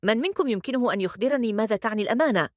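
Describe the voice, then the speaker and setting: A woman voicing a kind, gentle female schoolteacher in a children's story, speaking in an encouraging, praising tone. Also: on the high side, lively intonation, rapid-fire, no echo, clean studio sound, natural voice. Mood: gently encouraging. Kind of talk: storybook character voice.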